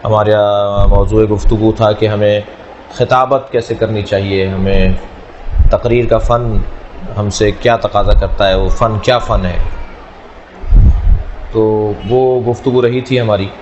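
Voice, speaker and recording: A man teaching a class, speaking in a measured way, repeating key words and explaining through everyday analogies. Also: fairly low pitch, fairly even intonation, a little mellow, muffled recording, slight background noise. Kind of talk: classroom lecture.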